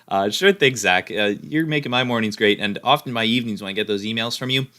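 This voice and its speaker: Bright-voiced man hosting a stock stream. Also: fairly low pitch, fast talker. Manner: chatty, thinks aloud with fillers. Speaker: stock livestream host. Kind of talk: casual live-stream chat reading viewer comments.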